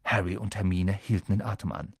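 A man narrating an audiobook in a measured storytelling manner. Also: sits low, steady tone, vocal fry, husky, no echo, clean studio sound. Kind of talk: scripted narration.

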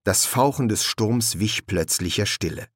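A man narrating a novel as an audiobook, in measured, expressive storytelling. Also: lowish voice, dry recording, clean studio sound. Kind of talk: audiobook reading.

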